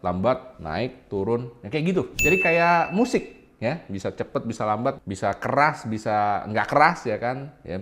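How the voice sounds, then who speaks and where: A man coaching viewers on growing a channel in loose, chatty tutorial talk. His voice leaps up and down with lively intonation, and he tosses in playful asides. A faint hiss of background noise sits under him. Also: mid-range voice. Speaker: YouTube growth coach.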